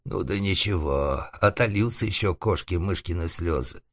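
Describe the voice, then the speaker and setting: A man voicing a coarse, vengeful old organ grinder who threatens and swears in a rough voice, in an audiobook. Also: low-pitched, moderate pace, a bit bright, dry recording. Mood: aggrieved.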